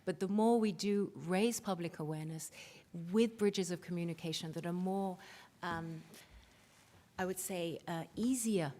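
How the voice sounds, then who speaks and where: A woman giving halting, emphatic panel remarks in front of an audience. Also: lowish voice, warm tone. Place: large conference hall. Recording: echoey hall with long reverb.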